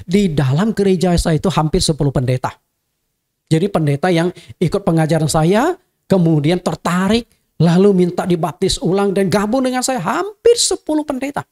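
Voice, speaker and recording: Lively, animated middle-aged male pastor. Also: high voice. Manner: animated, rhetorical, checks in with the listener. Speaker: senior pastor and lecturer. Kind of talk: online sermon teaching.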